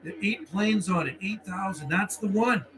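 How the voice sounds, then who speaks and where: Calling out on CB channels, this livestream host—a middle-aged Canadian man—chats in a friendly, relaxed manner. He speaks at a normal speed in a high-pitched voice, with a crowd in the background. The low-quality recording carries clear CB radio noise and ambience.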